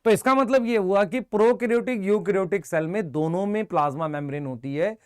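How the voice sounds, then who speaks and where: High-voiced man teaching biology. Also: darkish tone, clean tone, dry recording, studio quality. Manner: brisk, quizzing students and answering for them; mixes Hindi with English terms. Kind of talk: live online exam-prep lecture.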